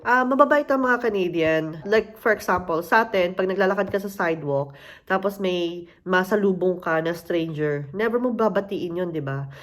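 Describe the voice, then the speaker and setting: A Filipino woman with a fairly low voice and a Filipino accent tells her own story in an easy, conversational way. She mixes English phrases into her speech and now and then acts out the voices of people she met. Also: normal speed. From Philippines. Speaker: interviewee sharing her immigrant story. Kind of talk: casual storytelling.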